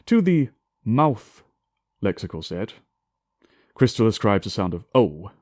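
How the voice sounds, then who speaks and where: Male lecturer, slightly low voice, highly varied pitch, formal and declamatory, scripted scholarly read with Shakespearean English touches. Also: very animated, darkish tone, dry recording, clean studio sound. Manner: formal, deliberate, declamatory delivery with emphatic enunciation. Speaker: lecturer on historical English pronunciation.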